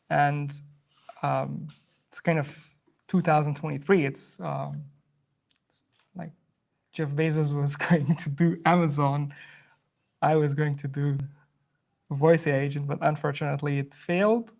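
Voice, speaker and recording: A man's voice: a little high, gravelly, a little mellow. A man from Afghanistan hosts a live coding workshop to a room, chatty and loose, with many fillers and restarts. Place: room with an in-person audience.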